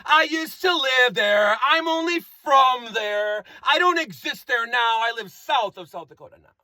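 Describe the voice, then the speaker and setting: A folksy Midwestern fellow, played by a man insists on where he's from, repeating himself slowly. The voice is high and bright, recorded dry. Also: expressive, dry recording, heavily acted. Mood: insistent. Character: folksy Midwestern man who moved away.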